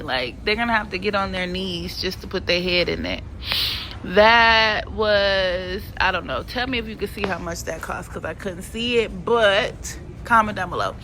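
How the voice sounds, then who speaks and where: The audio is poor, with slight background noise, as a woman vlogger with a stuffy, sniffly cold records a casual shopping vlog voiceover at home. She chats playfully in slang in a bright, forceful mid-range voice at a moderate pace.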